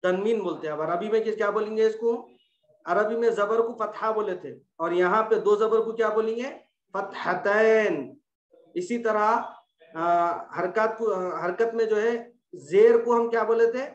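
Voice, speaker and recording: A man's voice: high voice, fairly even intonation, normal speed. A man teaching an online Quran recitation class, patiently repeating letter drills and quizzing his students. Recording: echoey room, dull lo-fi sound.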